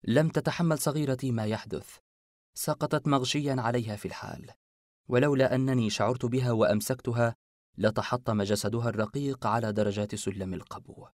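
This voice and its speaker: A man reading a first-person story aloud in steady, measured scripted narration. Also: medium pitch, no room sound, studio quality.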